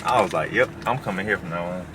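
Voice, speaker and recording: A man's voice: low voice, quick pace. A man chatting in a laid-back, teasing way on a road trip, recorded inside a car. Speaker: vlogger. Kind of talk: casual chat in a car. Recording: distant mic with car noise.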